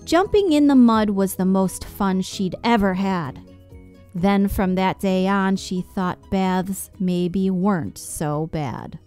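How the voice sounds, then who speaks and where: A woman reading a children's picture book aloud in an expressive, sing-song way. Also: medium pitch, takes it slowly, soft background music. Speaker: storyteller.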